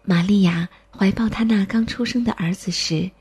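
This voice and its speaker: A woman narrating a storybook in a gentle, even-paced reading voice. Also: mid-range voice, normal speed. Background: faint music.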